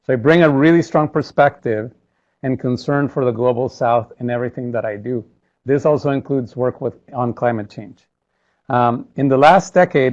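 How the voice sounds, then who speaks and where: A man's voice: medium pitch, a little mellow, dull audio. Polite man from El Salvador, moderating. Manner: polite, measured, hesitant fillers. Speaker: interviewer and moderator. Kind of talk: formal moderated interview.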